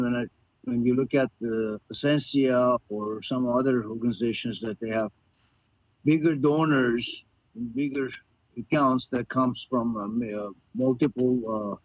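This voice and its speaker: A man's voice: medium pitch, no room sound, low-quality recording. A man on a committee video call whose connection keeps cutting out, clipping his word endings as he speaks hesitantly. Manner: hesitant, weighs his words with fillers. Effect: connection cutting out, choppy with clipped word endings. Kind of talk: public meeting discussion.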